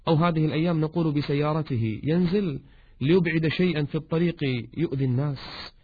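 A husky-voiced man delivers a sermon in formal Standard Arabic. He addresses his listeners as a preacher, urging them on with rhetorical questions. The recording is narrow and phone-like. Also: mid-range voice. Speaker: preacher, host of a religious series.

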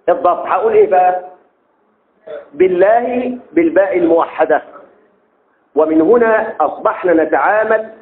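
A man with an Egyptian accent teaching a class, drawing out key terms slowly and constantly asking the students rhetorical questions. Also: high-pitched. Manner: slow and drawn-out on key terms. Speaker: teacher of Arabic text verification. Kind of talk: classroom lecture. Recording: echoey room over a tinny phone-like line.

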